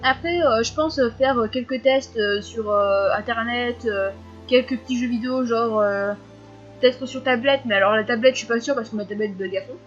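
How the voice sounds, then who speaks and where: A fifteen-year-old girl answering viewer questions in a casual vlog, talking fast with many fillers and frequent giggles. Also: on the high side, dull audio, faint music behind. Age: teens.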